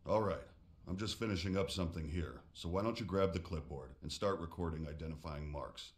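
A man voicing a calm, matter-of-fact male mortician boss who gives work instructions in a video game. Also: deep voice, a little fast, close to an everyday voice. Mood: instructing.

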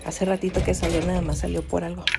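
A woman's voice: fairly low pitch, level tone, quick pace, creaky, heavy background noise. A woman in her forties with a Mexican Spanish accent, chatting informally to a phone camera held close for her vlog. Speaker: vlogger. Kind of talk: casual vlog chat to camera.

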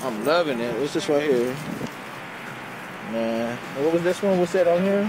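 A man's voice: a little high, animated, measured pace. A young man vlogging in a loose, joking way, cursing and bantering while he shops at an outdoor swap meet. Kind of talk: casual vlog chat. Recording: crowd noise outdoors.

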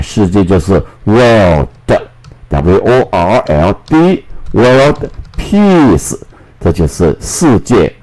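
A man teaching English phonics, spelling out letters and repeating each word slowly. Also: low voice, dark tone, rough recording. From Taiwan. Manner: slow, drawn-out spelling and word repetition. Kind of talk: classroom phonics lesson.

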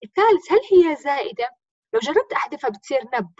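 A woman's voice: sits high, very animated, very fast, darkish tone, no echo, muffled recording. A woman teacher with a Levantine accent, explaining grammar step by step by asking and answering her own questions in a recorded lesson. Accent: Levantine Arabic. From Jordan.

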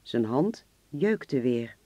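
A man narrating a radio drama in a measured, even storytelling voice. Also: medium pitch, no room sound, highs cut off.

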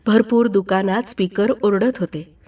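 A woman storyteller giving an expressive dramatic reading of a story, in a slow, deliberate way. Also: mid-range voice, distant mic.

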